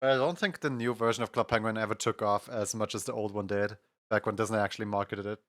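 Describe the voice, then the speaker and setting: A man's voice: lowish voice, steady tone, fast, fairly bright tone, no room sound, clean studio sound. A man hosting a livestream, talking casually to his viewers. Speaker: livestream host.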